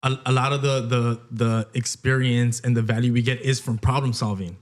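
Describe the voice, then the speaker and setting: A man's voice: medium pitch, steady tone, normal speed. A young man co-hosting a podcast, explaining ideas reflectively and often checking in with "right?". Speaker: podcast co-host. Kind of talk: casual chat.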